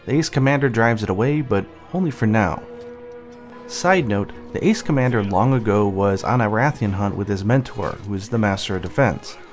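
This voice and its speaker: A man with a fairly low, expressive voice speaks at a moderate pace, giving light scripted narration over game cutscenes and explaining the story as it unfolds. He is the narrator and channel host, and game music plays behind him.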